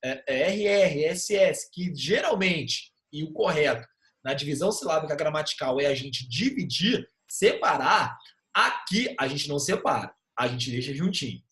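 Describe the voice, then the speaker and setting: Brazilian male teacher, slightly higher voice, patient and step by step, online class. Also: animated, normal speed, a bit bright. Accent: Brazilian Portuguese. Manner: patient, checks understanding with frequent "tá bom?".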